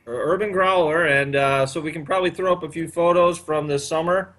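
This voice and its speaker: A man's voice: fairly high pitch, fairly even intonation, a little fast, a bit bright. A man in his fifties hosting a casual chat, rambling with many fillers. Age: 50s. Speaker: podcast host.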